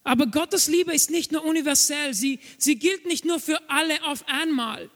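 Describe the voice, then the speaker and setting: A man's voice: very high voice, normal speed, a bit bright. A man preaching a sermon to a congregation, emphatic and repeating his key phrases. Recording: long hall reverb, faint music.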